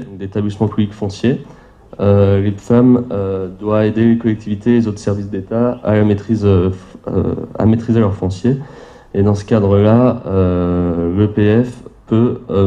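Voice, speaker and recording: Representing a public agency, a man delivers a formal conference presentation with slides in a warm voice on the low side. He speaks haltingly, hesitating often and repeating words.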